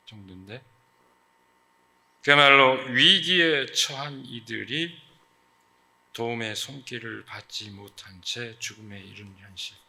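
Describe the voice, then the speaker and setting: A man preaching a sermon as pastor, earnest and emphatic, with frequent fillers and sudden loud stresses. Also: medium pitch, creaky, slightly rough.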